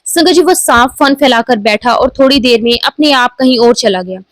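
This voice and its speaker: A woman in her forties recounts her devotional experiences in an earnest storytelling manner, often calling out to her listeners. Her voice sits high. The recording is dry and close, with almost no room sound. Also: normal speed, no room sound, low-quality recording. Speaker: devotee sharing a testimony. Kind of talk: devotional personal testimony.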